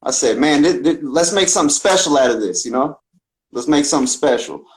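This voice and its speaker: Speaking a little high and fairly quickly, with expressive delivery, a Bay Area talkbox musician guesting on a podcast tells his story in casual, earnest street slang. His Northern California accent comes through a rough recording.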